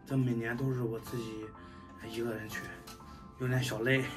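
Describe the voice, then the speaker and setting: A man's voice: mid-range voice, little pitch movement, normal speed, distant mic. A man, chatting casually as a vlogger. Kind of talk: casual vlog chat. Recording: background music, voice off from mic. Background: music.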